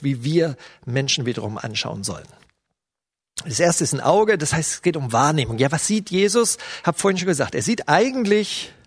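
Husky-voiced man preaching. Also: on the high side, no room sound, studio quality. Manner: storytelling, imaginative retelling with many fillers. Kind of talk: sermon.

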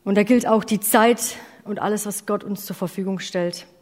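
A woman's mid-range, darkish voice stays steady at a normal speed as she preaches. Earnest and direct, she questions her listeners, sometimes fixes her own wording, and apologizes for mistakes. The recording carries a long hall reverb.

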